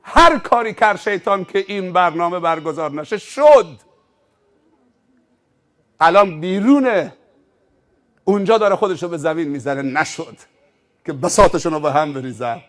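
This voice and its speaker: A male preacher giving a sermon, telling stories with rhetorical questions. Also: fairly high pitch. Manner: animated storytelling with rhetorical questions.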